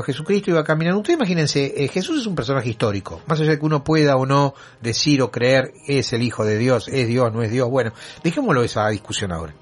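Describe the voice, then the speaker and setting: A man with a Rioplatense accent, hosting a show and telling a story straight to his listeners, often asking them rhetorical questions. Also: medium pitch. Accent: Rioplatense Spanish. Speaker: show host. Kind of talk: storytelling talk to an audience.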